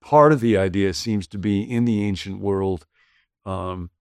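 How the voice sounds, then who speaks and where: A man's voice: fairly low pitch, steady tone, unhurried, clear, resonant tone, no room sound. A man teaching a sermon-style video lesson, conversational and explanatory, reading scripture with casual asides. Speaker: pastor.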